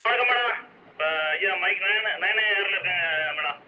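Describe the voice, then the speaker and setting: A man working as a police control room operator, giving quick, deferential, formal replies over a police radio. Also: high-pitched. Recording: muffled police radio with heavy static.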